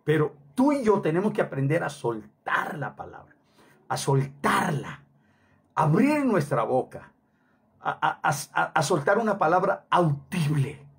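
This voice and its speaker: A man's voice: fairly high pitch, big pitch swings, measured pace, gravelly, breathy edge. A middle-aged man preaching a sermon emphatically, repeating phrases for stress and dropping Hebrew words into his talk.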